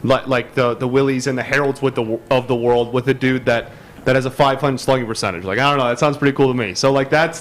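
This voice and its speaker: Casting: male sports podcast co-host, eager, tripping over his words, mid-pitch. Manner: excitable, stumbling restarts, lots of "like". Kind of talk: casual sports chat.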